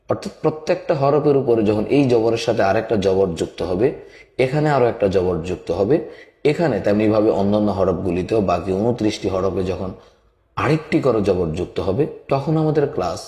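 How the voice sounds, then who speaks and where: A man's voice: on the low side, lively intonation, fairly quick, mellow, echoey room. A man teaching an online Quran reading class, repeating each rule and asking then answering his own questions. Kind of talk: online Quran recitation lesson.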